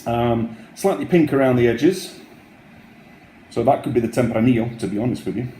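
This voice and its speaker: A man hosting a casual wine tasting, talking in an unhurried, musing way with short trailing phrases. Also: medium pitch, mellow. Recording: roomy echo, faint background noise.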